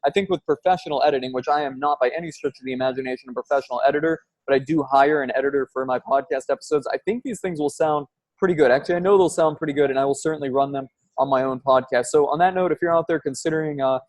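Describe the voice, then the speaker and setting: A man's voice: medium pitch, fairly even intonation, racing, a little mellow, no room sound, low-quality recording. A man giving a casual, informal vlog-style product test as a podcaster, recorded on a wired earbud headset used as a microphone. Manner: conversational, informal. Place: loud coffee shop. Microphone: wired earbud headset used as mic.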